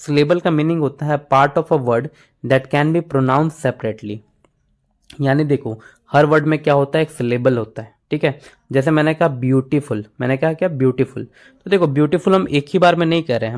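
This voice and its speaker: A man's voice: a little high, normal speed. Hindi-speaking man teaching words. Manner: explains words in Hindi mixed with English, memory tricks, frequent "ठीक है". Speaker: English vocabulary teacher. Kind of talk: exam-prep vocabulary lesson.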